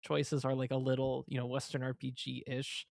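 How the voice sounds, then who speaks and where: A man talking as a podcast panelist in casual chat, halting with restarts and "like" fillers. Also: medium pitch, completely flat delivery, vocal fry, a little mellow, no echo, clean studio sound.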